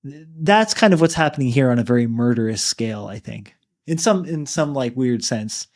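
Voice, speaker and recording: A man co-hosting a book discussion, talking in a relaxed, rambling way with frequent fillers and easy laughter. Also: medium pitch, moderate pace. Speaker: book podcast co-host.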